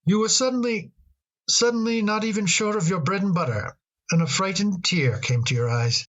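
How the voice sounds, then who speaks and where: A man acting in an old radio drama as a tender father talking fondly to his daughter, gentle and a little halting. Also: high-pitched, muffled recording.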